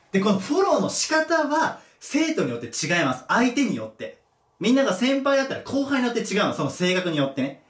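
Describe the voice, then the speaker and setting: A male teacher giving a casual lecture, thinking aloud and correcting himself as he goes. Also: very high-pitched. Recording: echoey room, mic at a distance.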